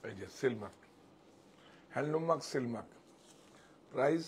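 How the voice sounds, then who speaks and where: A man's voice: medium pitch, animated, moderate pace, a little hiss or hum. A man selling saris on a live stream, chatting with viewers and directing helpers off to the side. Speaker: sari seller on a live sale.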